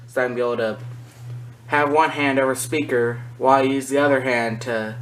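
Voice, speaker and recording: Indoors in a small room at home, a hobbyist collector presents items on camera in a casual walkthrough, speaking haltingly and often trailing off between points. His voice is medium-pitched with fairly even intonation, picked up by a handheld camera or phone nearby in a low-quality recording.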